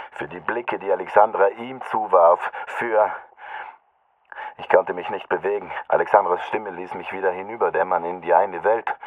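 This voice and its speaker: A man reading a first-person story aloud as an audiobook narrator, in a grave and measured way. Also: low-pitched, no echo. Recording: phone-like narrow band.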